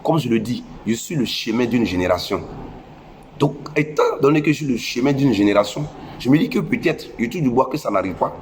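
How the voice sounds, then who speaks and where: Animated and a little fast, his medium-pitched voice has a darkish tone over slight background noise. He's a young social media commentator with a West African French accent and a head cold, scolding parents in a preachy, impassioned moralizing monologue and repeating phrases to drive his points home.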